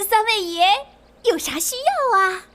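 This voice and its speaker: A woman's voice: extremely high pitch, lively intonation, measured pace, a bit bright, slight background noise, exaggerated voice. A woman playing a servile, fearful innkeeper in a period comedy drama. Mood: fawning. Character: fawning, timid inn keeper woman.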